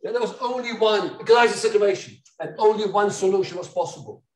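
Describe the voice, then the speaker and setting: An older man from Belgium giving an academic lecture, animated and ironic, with mocking asides and sudden loud outbursts. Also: high voice, a little fast. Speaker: university lecturer. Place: lecture hall. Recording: echoey hall from far off.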